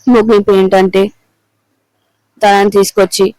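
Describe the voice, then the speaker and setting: Guy reading remorseful husband begging to be heard, smooth high voice. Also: level tone, unhurried, a little mellow, dry recording, poor audio. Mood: pleading. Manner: pleading. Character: pleading remorseful middle-aged husband.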